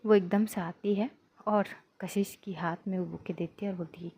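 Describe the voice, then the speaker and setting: A woman's voice: mid-range voice, steady tone, moderate pace, husky, muffled recording. A woman narrating a love story in a casual, chatty retelling, as a storyteller.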